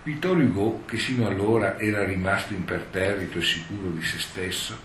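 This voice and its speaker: A male lecturer with a lowish voice, reading a passage and working through it with frequent asides. The hall is roomy and echoing. He sits well back from the mic, and a faint murmur of room noise runs underneath. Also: a little fast, fairly bright tone, distant mic. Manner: digressive, explanatory, with many asides. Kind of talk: lecture, reading and explaining a text.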